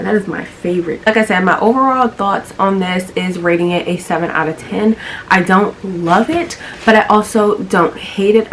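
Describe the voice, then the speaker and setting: A woman's voice: medium pitch, rough recording. Young woman, sick voice, casual fragrance review, chatty, slangy, talks to viewers, faint background hiss. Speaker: beauty and fragrance YouTuber. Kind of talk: casual review talking to camera.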